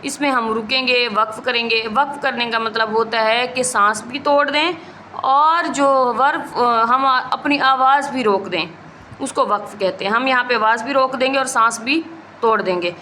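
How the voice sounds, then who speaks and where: A woman recitation teacher with a bright, slightly high voice works through each rule methodically, repeating it for her students. There is a faint hiss of noise behind her. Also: normal speed. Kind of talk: step-by-step recitation rules lesson.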